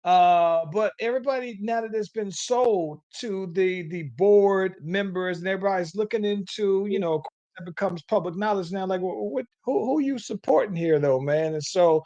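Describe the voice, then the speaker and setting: A man's voice: high voice, moderate pace, darkish tone, no room sound, highs cut off. A man hosting a casual podcast, rambling along and tagging his sentences with "though, man". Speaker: podcast host.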